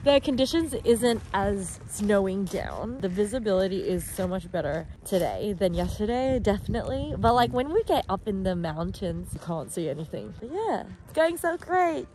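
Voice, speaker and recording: A woman's voice: mid-range voice, sing-song, normal speed, hardly any pauses, darkish tone, slight background noise, rough recording. A woman chatting casually in a travel vlog on the ski slopes, gushing and upbeat. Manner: bubbly, gushing. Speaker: travel vlogger. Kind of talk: casual chat.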